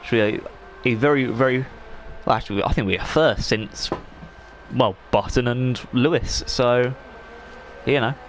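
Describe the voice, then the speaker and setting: Here a man with a medium-pitched voice calls a sim racing league race at a measured pace, his voice giving out as he goes. His commentary is chatty and rambling, full of fillers and restarts, over a slight hiss or hum.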